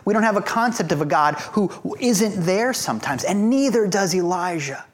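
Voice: mid-range voice, animated, moderate pace. A preacher giving a sermon, retelling a Bible story in a casual, joking, conversational way.

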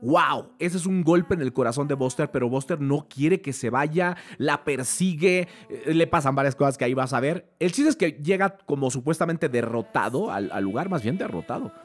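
A man with a Mexican accent retelling a film in an animated, chatty way, full of fillers. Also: on the high side, moderate pace, hardly any pauses. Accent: Mexican Spanish. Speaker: film commentator.

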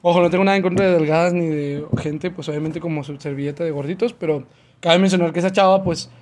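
Young Mexican man, rapid high-pitched storyteller, slangy, faint noise behind. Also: fairly even intonation, darkish tone. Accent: Mexican Spanish. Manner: fast, slangy, makes sound effects and voices. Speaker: podcast co-host telling a story. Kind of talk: casual chat, storytelling.

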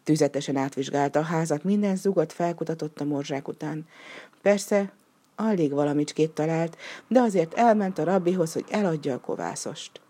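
A woman narrating a story in a steady, expressive reading style. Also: low-pitched.

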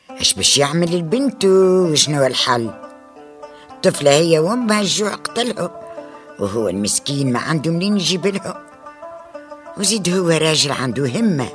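An actress playing a folksy Tunisian grandmother telling Arabic folk tales to children in chatty, colloquial, dramatic narration. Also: low-pitched. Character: folksy grandmother storyteller, Mama Rafia, addressing children. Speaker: storyteller.

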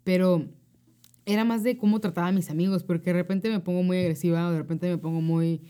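A woman's voice: lowish voice, quick pace. A young Mexican woman co-hosting a podcast, telling stories in casual, slangy chat. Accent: Mexican Spanish. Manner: slangy, animated storytelling. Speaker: podcast co-host.

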